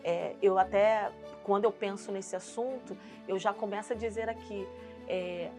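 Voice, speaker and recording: Brazilian woman pastor, mid-pitched, fervent testimony over faint music. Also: steady tone, normal speed, darkish tone. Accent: Brazilian Portuguese. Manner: earnest, rising to fervent intensity when recounting prayer. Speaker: pastor and singer, guest. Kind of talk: emotional faith testimony in an interview.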